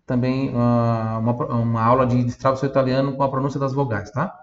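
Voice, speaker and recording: Brazilian man slowly drilling Italian words. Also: mid-range voice, flat delivery, roomy sound, highs cut off. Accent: Brazilian Portuguese. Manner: slow syllable-by-syllable drilling, spelling words letter by letter. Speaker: Italian teacher. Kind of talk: online language lesson.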